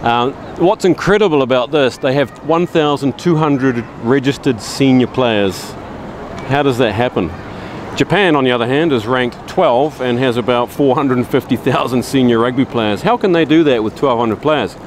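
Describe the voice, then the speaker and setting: A man's voice: medium pitch, moderate pace, noisy background. A man hosting a rugby show, presenting in a breezy, joking way. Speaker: show host. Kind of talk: casual presenting.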